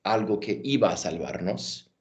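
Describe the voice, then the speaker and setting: A man in his thirties with an American accent, a native English speaker giving a panel talk in halting Spanish, searching for words and mixing in English terms. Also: fairly low pitch, animated, darkish tone. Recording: dull, lo-fi audio.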